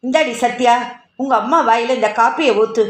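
A woman's voice: a little high, moderate pace, natural voice. A woman voicing a stern, suspicious older aunt who scolds and gives orders, read in a roomy space. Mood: bossy. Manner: scolding, commanding.

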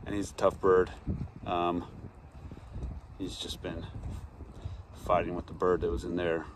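A man in his forties, a pigeon breeder, calmly showing birds in his backyard and talking in an unhurried, matter-of-fact way with frequent ums, recorded on a handheld phone. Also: deep voice. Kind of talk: casual show-and-tell. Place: backyard outdoors. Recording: faint outdoor background noise.

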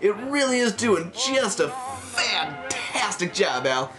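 Heavily acted and sing-song, this teen's high voice moves slowly as he hams it up as a flippant, jovial co-host. It's a scripted imitation of a 1930s radio show, recorded indoors in a small wood-panelled room, with music over the voice.

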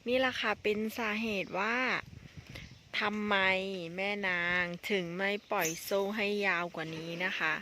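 Excited woman narrating her elephant outdoors. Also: medium pitch, a little slow, a little hiss or hum. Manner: excited, exclaiming, coaxing. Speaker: elephant owner and vlogger. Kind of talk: casual live commentary. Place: outdoors, rural.

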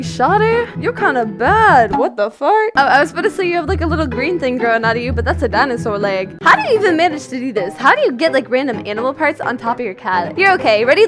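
Excitable high-voiced young woman gamer. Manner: excitable, squealing, gasping and laughing. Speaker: gaming video host. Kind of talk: excitable VR gameplay commentary.

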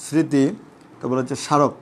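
A male teacher with a Bangladeshi Bengali accent gives a live online class, explaining slowly and repeating examples for his students. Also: medium pitch, level tone, slight background noise. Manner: patient, repetitive explaining, addresses students as friends.

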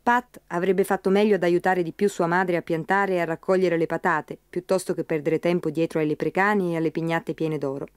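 A woman narrating a children's tale in an animated, dramatic audiobook style. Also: lowish voice, brisk, hardly any pauses, clear, resonant tone, no echo, clean studio sound. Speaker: storyteller. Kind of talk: expressive audiobook storytelling.

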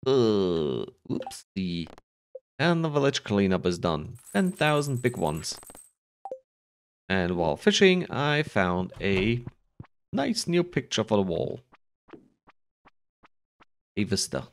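A man's voice: fairly low pitch, very animated, slow pace, long pauses, a little hiss or hum. A man giving casual, jokey commentary while playing a farming game, rambling through asides. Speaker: gaming video host. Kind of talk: casual let's-play commentary. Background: game music.

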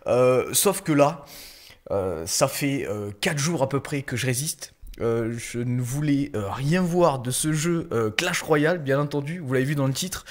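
A man giving casual gameplay commentary as a gaming YouTuber, hesitant with many fillers and restarts, breaking into excited outbursts. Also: medium pitch, unhurried.

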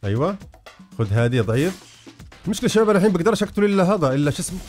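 Rapid-fire man gaming. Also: high voice, big pitch swings, darkish tone, faint music behind. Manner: hurried, repeats phrases, teasing. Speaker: gaming YouTuber. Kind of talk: excited gameplay commentary.

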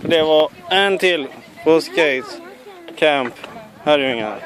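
A man's voice: a little high, background noise. A man filming at an outdoor skateboard camp, teasing and joking as he asks children their names. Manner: playful, teasing, joking with kids. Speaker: camera operator interviewing campers. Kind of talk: casual handheld video chat. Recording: loud crowd of children chattering.

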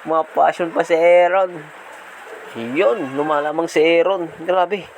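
A man with a slight lisp from missing front teeth, giving excited casual commentary as a vlog host outdoors. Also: a little high, slow. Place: outdoors on a rural road, partly riding a motorbike. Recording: outdoor noise, passing motorbikes.

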